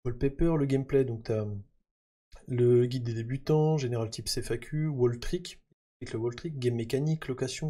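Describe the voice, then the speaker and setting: A man's voice: mid-range voice, mellow, breathy edge. A man chatting casually through gameplay, thinking aloud with lots of fillers. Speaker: gaming YouTuber.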